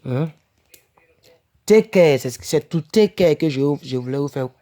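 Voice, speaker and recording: A man's voice: a little high, lively intonation, unhurried, warm tone. A man giving a casual home-made English vocabulary lesson, repeating words and checking in with "ok?" and "n'est-ce pas?", correcting himself as he goes. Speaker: English teacher for French speakers.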